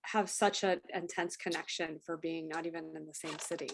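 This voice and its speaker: A woman's voice: sits low, fairly even intonation, a little fast, gravelly, a little hiss or hum. A woman chatting as a guest over a video call, chatty and playful. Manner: chatty and playful, often laughing.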